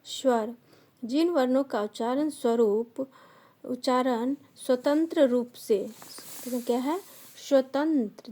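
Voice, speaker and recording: A woman teaching a grammar lesson, slowly dictating definitions and listing sounds and example words one by one. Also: a little high, mellow. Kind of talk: slow classroom grammar lesson.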